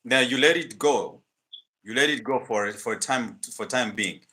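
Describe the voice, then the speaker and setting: A man hosting an interview, asking his questions hesitantly with many pauses and restarts. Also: medium pitch, pushed and bright. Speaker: interviewer, host. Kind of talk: interview, mixing English and Luganda.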